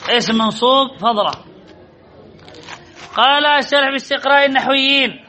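Male teacher, very high and bright voice, classroom lesson, asks and answers his own questions, lo-fi recording. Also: a little hiss or hum. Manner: asks questions and answers them himself, repeats key points. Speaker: grammar teacher. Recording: dull lo-fi recording.

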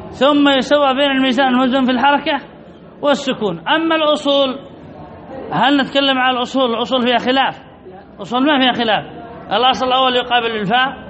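A man's voice: very high voice, fairly bright tone, dull audio. A man teaching word patterns to a class, repeating key points and answering his own questions. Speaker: Arabic grammar teacher.

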